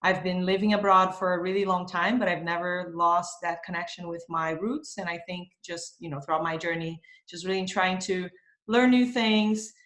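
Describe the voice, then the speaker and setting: A woman's voice: fairly low pitch, fairly even intonation, moderate pace, a bit bright, echoey room. A woman in her thirties, from Brazil, speaking thoughtfully with many fillers as an interview guest on a video call from home. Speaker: marketing executive guest. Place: home in Spain.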